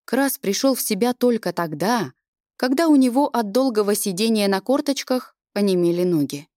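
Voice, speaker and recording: A woman reading a fantasy novel aloud in measured, expressive scripted narration. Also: medium pitch, dry recording, clean studio sound. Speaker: audiobook reader.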